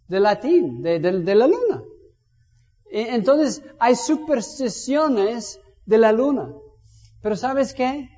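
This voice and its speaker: High-voiced preacher in a reverberant hall. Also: male voice. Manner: lively storytelling, direct questions to listeners. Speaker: pastor. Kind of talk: sermon. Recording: dull sound in long reverb.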